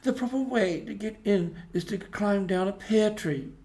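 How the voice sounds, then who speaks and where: A man acts out a little boy rabbit from a children's storybook. He is confident and a touch bossy, speaking in a high, lifted voice. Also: normal speed, darkish tone. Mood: assured.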